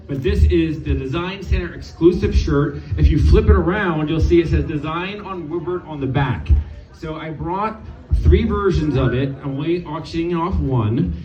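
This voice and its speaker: A man's voice: a little high, a little mellow. A man casually presenting auction items to a crowd in an informal, unscripted, slightly hesitant way. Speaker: car designer presenting charity auction lots. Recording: echoey, dull, distant mic with music.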